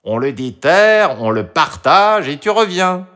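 A man's voice: a little high, big pitch swings, takes it slowly, pushed and bright, voice pushed up, full character voice. A man doing a clever, persuasive fox. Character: clever helpful male fox, sly and warm.

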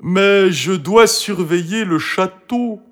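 A man voicing a fierce but excitable male guard dog who grumbles and gets carried away. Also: high voice, takes it slowly, voice pushed up. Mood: eager.

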